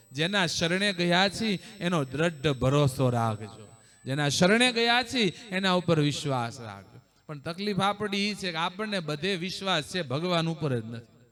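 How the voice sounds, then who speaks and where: Brief: male preacher, high bright voice, emphatic sermon delivery to a crowd. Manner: emphatic, addresses audience directly. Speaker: religious preacher. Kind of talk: devotional sermon. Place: live religious gathering.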